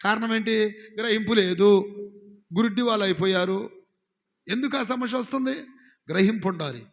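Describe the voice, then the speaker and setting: Telugu-accented male pastor, high voice, live sermon with long hall echo. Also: brisk, vocal fry, a bit bright. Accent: Andhra Telugu. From India. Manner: exhorting, calls congregation to repeat phrases.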